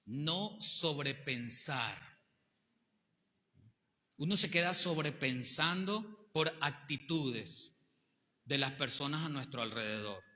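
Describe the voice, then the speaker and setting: A male pastor, preaching a sermon with animated rhetorical questions to the congregation. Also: mid-range voice, slow pace, pauses often. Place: church hall. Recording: long hall reverb.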